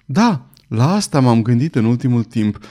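A man's voice: medium pitch, very animated, mellow, lightly acted. A man voicing a fearful, feverish young king who pleads with his beloved, in an audiobook reading. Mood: tender. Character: anxious young male king, fearful and frail.

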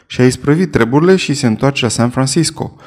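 A man's voice: mid-range voice, darkish tone, natural voice. A man voicing a brutal, cold-hearted sea captain who gives curt, mocking commands in a storybook reading.

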